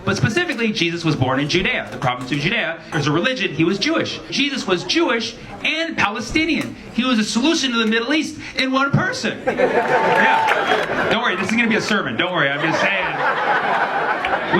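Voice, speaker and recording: A man performing a stand-up comedy set, talking in conversational punchlines with rhetorical asides to a live audience. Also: high-pitched. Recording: loud audience laughter and room noise. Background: loud audience laughter.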